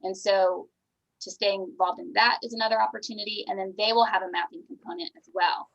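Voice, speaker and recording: An American woman city planner explaining the planning process clearly in a public meeting. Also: mid-range voice, steady tone, a little fast, a bit bright, dull audio.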